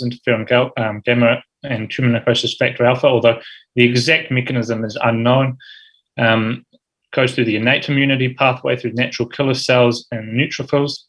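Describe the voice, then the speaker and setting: Delivering grand rounds as a urology fellow, this thirty-something man speaks with a New Zealand accent and drops in lots of ums and uhs during his academic medical presentation. His mid-range voice has a fairly bright tone, and the recording is rough.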